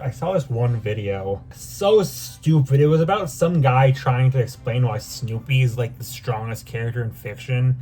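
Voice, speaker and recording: A man casually ranking cartoon and game characters, animated and excitable, often breaking into high-pitched outbursts with a slightly strained voice. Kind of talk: casual tier-list commentary.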